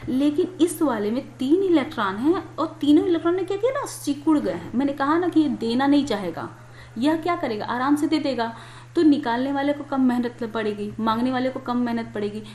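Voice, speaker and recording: A woman's voice: high-pitched, lively intonation, a little fast, a little mellow. A woman teaching a chemistry lesson in a conversational way, asking questions and answering them herself. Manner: conversational, asks and answers her own questions. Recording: echoey room with faint noise.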